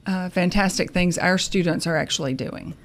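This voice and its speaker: A woman's voice: lowish voice, steady tone, moderate pace. A woman from the university staff, chatting as a radio guest in a hesitant, friendly way with frequent fillers. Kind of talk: casual interview chat.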